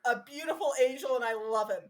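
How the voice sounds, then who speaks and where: A woman's voice: high voice, fast, low-quality recording. A woman co-hosting a casual podcast, gushing and enthusiastic, laughing as she talks. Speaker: podcast co-host.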